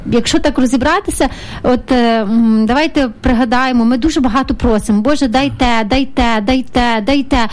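A woman's voice: a little high, darkish tone. A woman hosting a live religious call-in radio show, chatting with a priest in a hesitant way with many filler sounds. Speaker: radio host. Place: radio studio.

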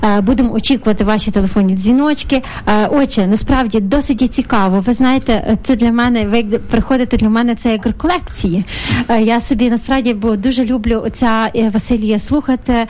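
A woman hosting a live call-in radio show from the studio. She talks in a chatty but hesitant way, often pausing on filler sounds. Her voice sits fairly high. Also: darkish tone. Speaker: radio host.

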